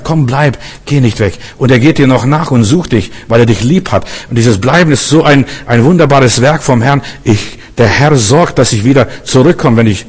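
Male preacher, husky voice, fervent and repetitive sermon, long hall reverb. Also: mid-range voice. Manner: fervent, repetitive preaching with frequent rhetorical questions.

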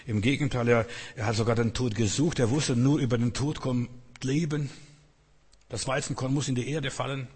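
Husky man preaching in a reverberant hall. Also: mid-range voice, steady tone, normal speed, darkish tone. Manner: earnest, emphatic, repeats key phrases. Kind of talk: sermon.

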